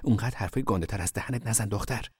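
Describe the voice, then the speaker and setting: A man voicing a stern mother who scolds her children in a hushed, firm voice. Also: lowish voice, husky, no room sound, studio quality. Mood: scolding.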